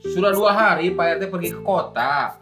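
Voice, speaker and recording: A man's voice: high voice, moderate pace, music in the background, lightly acted. A man with a Sundanese accent voicing a bossy middle-aged male village official in a motion comic, scolding and giving orders. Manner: scolding, commanding.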